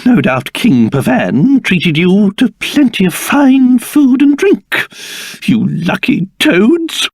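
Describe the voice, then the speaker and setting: An actor playing a pompous, fussy old king turned into a small monster in a video game, with a British accent and a theatrical, excitable delivery. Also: high-pitched, slow, vocal fry, slightly rough, dry recording, clean studio sound, exaggerated voice. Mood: grumbling.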